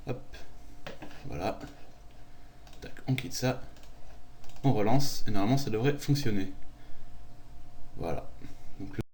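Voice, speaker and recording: A man narrating a screen-recorded software tutorial, calmly walking through each click step by step. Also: lowish voice, unhurried, pauses often, slight background noise. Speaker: tutorial maker.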